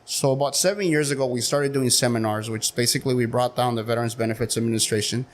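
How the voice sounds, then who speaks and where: A man's voice: medium pitch, steady tone, quick pace. Candid man in his forties. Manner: candid, frank, loose with fillers. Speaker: podcast guest, city council member. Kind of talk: casual interview chat.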